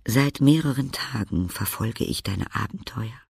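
A man reading an audiobook and voicing a small, kind, wise old sorceress, calm and motherly. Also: medium pitch, measured pace, vocal fry, husky, no room sound, studio quality, heavily acted. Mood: kindly.

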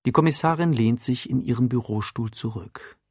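A man's voice: mid-range voice, moderate pace, big-room sound. A man giving a tense, dramatic first-person narration of a story. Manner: tense, dramatic reading with sudden loud outbursts in quoted cries.

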